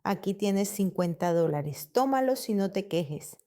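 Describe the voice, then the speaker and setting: A woman's voice: mid-range voice, expressive, unhurried, mellow, lightly acted. A woman voicing a dismissive, spoiled young sister in a scornful, mocking way within a read-aloud story.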